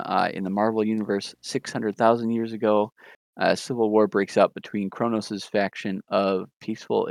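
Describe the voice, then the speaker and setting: Male podcast host, low and gravelly, casual recap delivery with ums, dry close mic. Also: dry recording. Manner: relaxed retelling with frequent ums and chuckles. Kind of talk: casual comic book recap.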